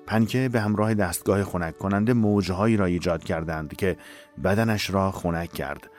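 A man reading a dramatic novel aloud in a measured, emotive storytelling voice. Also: low-pitched, faint music behind. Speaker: narrator. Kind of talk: dramatic audiobook narration.

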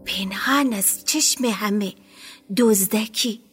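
A woman's voice: mid-range voice, a bit bright, voice pushed up, natural voice. A woman voicing a wary, secretive fellow prisoner who talks in guarded, curt lines in an audiobook, with faint music under her.

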